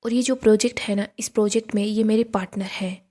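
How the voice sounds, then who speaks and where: Woman reading lines for a defiant scheming lady politician, keeps pushing and accusing, warm low-key tone. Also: fairly even intonation, fast, lightly acted. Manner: insistent, accusing.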